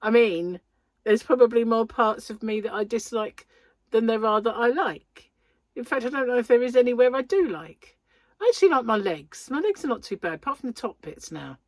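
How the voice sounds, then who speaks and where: A middle-aged woman from the United Kingdom, host of a crochet channel, chats casually to camera in a high-ish voice at normal speed, her lively intonation swinging up and down a lot. She's self-deprecating and laughs often, with a slight wheeze under her breathing. The audio is close and dry, free of room echo.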